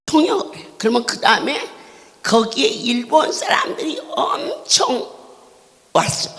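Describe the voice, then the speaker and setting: Lively, gravelly pastor. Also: male voice, high voice. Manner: animated storytelling, bursts into laughing shouts. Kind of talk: revival sermon with storytelling. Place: large church hall. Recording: long reverb of a large church hall.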